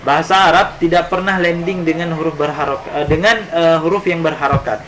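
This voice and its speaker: This Arabic lesson is taught by a man in Indonesian; he voices Arabic phrases, then works through their translation and meaning one step at a time. His voice is slightly high, steady and fairly bright, his pace fairly quick, and the low-quality recording carries faint background noise.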